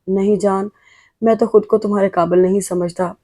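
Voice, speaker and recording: A woman's voice: medium pitch, fairly even intonation, dark tone, lightly acted. A woman reading the lines of a remorseful, loving young husband in a pleading, emotional way. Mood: tender. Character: remorseful young husband, tender, guilt-ridden.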